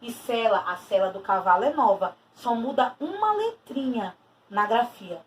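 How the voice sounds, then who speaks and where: A woman's voice: a little high, animated, normal speed. A woman teacher giving a recorded lesson, explaining patiently and stressing key terms as she repeats them. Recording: distant mic with faint noise.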